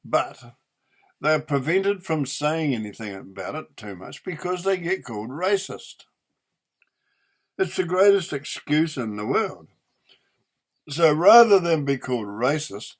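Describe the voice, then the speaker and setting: An elderly man with a New Zealand accent delivers an angry, unscripted rant. His voice sits slightly high for a man and moves up and down in lively sweeps. He is indignant and emphatic, swearing and stretching the words he wants to hammer home. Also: unhurried. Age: older, eighties. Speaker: opinionated vlogger.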